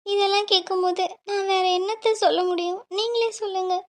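A meek, dutiful young woman in a cartoon, put on by a woman. Her very high voice pleads hesitantly, as if she sees no way out. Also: fairly even intonation, brisk. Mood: pleading. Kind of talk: cartoon voice acting.

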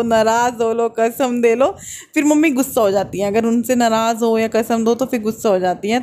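A woman's voice: fairly high pitch, a little mellow, a little hiss or hum. A woman in her thirties with an Uttarakhand Hindi accent, chatting through a casual vlog voice-over and explaining at length. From India. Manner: chatty, explaining at length, restarts mid-sentence. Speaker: vlogger.

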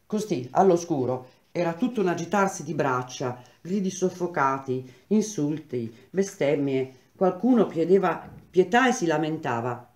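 A woman's voice: sits low, lively intonation, moderate pace, hardly any pauses, darkish tone. Woman reading a novel aloud, roomy echo. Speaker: reader.

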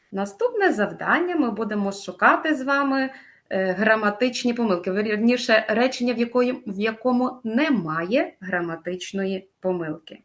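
A middle-aged woman teaching a language lesson, going over a grammar test, patient and explanatory, slowly stressing each key word. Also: medium pitch.

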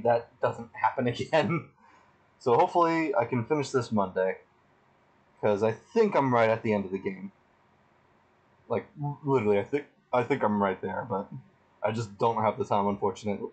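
A man's voice: mid-range voice, rough recording. A man streaming a video game live, talking casually to his viewers in a chatty, self-deprecating way and sounding tired. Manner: chatty and self-deprecating, says freaking a lot. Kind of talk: live gameplay stream commentary.

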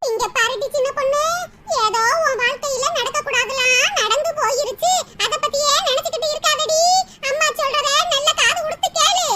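A woman's voice: extremely high pitch, heavy background noise. A woman voicing an older village mother in a cartoon who lectures and scolds her daughter at length. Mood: coaxing. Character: chatty older village mother giving advice. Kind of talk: cartoon voice acting. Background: music.

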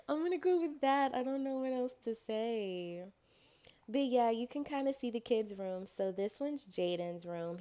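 A woman's voice: mid-range voice, warm tone. A woman casually commenting on her life-simulation game, chatty and playful, often voicing what her characters think. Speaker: gameplay narrator. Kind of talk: casual let's-play commentary.

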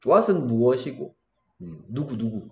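A man's voice: mid-range voice, very animated, slow pace, muffled recording. Guy teaching english one on one, lots of "got it?", roomy echo. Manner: coaxing teacher, many check questions. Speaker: English tutor. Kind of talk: one-on-one English lesson in Korean.

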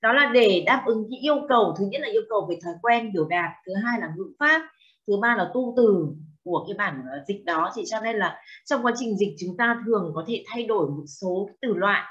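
A woman's voice: mid-range voice, lively intonation, brisk, a bit bright. A woman teaching a translation class, questioning students and explaining terms with foreign words mixed in. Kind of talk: classroom lecture. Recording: dull lo-fi sound.

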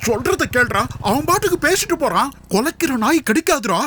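A man's voice: very high voice, big pitch swings, fairly quick, heavy background noise. An actor playing an older village father, angry himself yet sternly holding back his son in a television serial. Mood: restraining. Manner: stern, pleading, commanding. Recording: television drama with background music.

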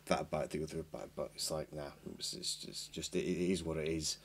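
A man's voice: a bass voice, fairly even intonation, quick pace, a little hiss or hum. A man, a band member chatting as a guest in a small podcast studio, rambling and self-deprecating, with many restarts. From Yorkshire, England. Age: 40s. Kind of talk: casual chat. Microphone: boom mic with headphones.

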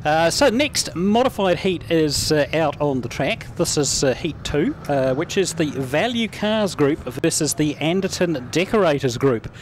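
Male, New Zealand accent, conversational race commentator, higher-than-average pitch, noisy track background. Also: expressive, unhurried, few pauses. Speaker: speedway commentator. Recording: loud track and vehicle noise behind.

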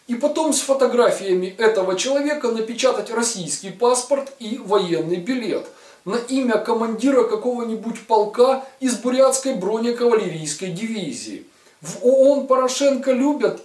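A man in his forties with a high, slightly mellow voice delivers sarcastic political commentary to the camera as a video blogger. His tone is mocking, ironic and emphatic. He's in a studio with a virtual set, and the sound is roomy and distant.

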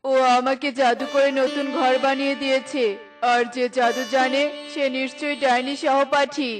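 A woman's voice: high-pitched, little pitch movement, normal speed, close to an everyday voice. A woman voicing a suspicious male bird, an elder brother, in a children's cartoon, with an earnest, questioning manner. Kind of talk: children's cartoon story acting. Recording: music under the voice.

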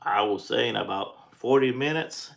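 A man in his forties hosting a casual live chat, talking in a halting way as he thinks aloud. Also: medium pitch, gravelly, fairly bright tone. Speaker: pipe tobacco vlogger and live stream host. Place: small indoor room at home.

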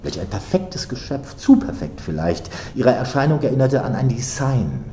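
A man reads his own fiction aloud with deliberate, expressive phrasing and a lively, rising and falling voice. His voice is middle-pitched and carries in a roomy reading hall, recorded live. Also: a little hiss or hum. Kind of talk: literary reading. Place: literature house reading hall.

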